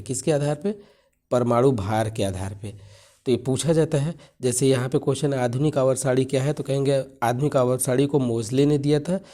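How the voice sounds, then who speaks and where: Slow, mellow-voiced male teacher. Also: mid-range voice. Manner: slow, repeats key terms and asks himself questions. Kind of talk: exam-paper lesson.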